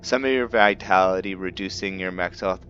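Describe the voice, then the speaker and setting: Thinking aloud as he plays, this man gives relaxed commentary on his own roleplay game. He speaks low at a moderate pace, his tone fairly bright, with slight background noise. Video game music runs underneath, and the sound is slightly muffled.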